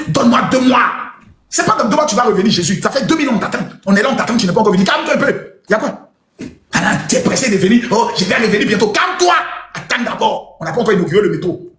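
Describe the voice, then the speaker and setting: Animated high-voiced man. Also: roomy sound, slight background noise. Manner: animated, shouting, mocking, acts out voices. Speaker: live streamer. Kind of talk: mocking live-stream monologue.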